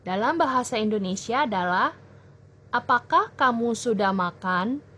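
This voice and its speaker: Slow, higher-voiced woman teaching children. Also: lively intonation, pushed and bright. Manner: slow, clear teacherly explaining. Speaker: Mandarin tutor. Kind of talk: children's language lesson.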